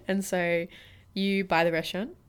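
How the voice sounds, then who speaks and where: A woman's voice: on the low side, smooth. A woman with an Australian accent hosting an interview, prompting her guest in an encouraging, upbeat way. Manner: encouraging, prompting, quick to laugh. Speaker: podcast host. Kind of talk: casual interview chat.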